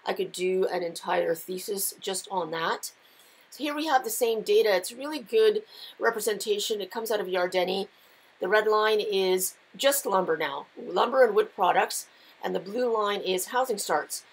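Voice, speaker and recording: A slightly rough, mid-range female voice moves at a moderate pace as a middle-aged lumber market analyst and host from Canada explains the market in a relaxed, conversational way. The setting is a small indoor office with shelves holding files.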